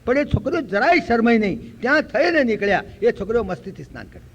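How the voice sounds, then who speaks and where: An older man from Gujarat giving a spiritual lecture, telling stories and slowly chanting verses. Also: very high-pitched, big pitch swings, a bit bright, slight background noise. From Gujarat, India. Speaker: preacher. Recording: dull lo-fi recording.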